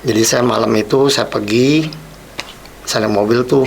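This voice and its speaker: A man's voice: medium pitch, steady tone, normal speed, gravelly, slight background noise. A man telling his personal testimony as a podcast guest, reflective and replaying his own past words.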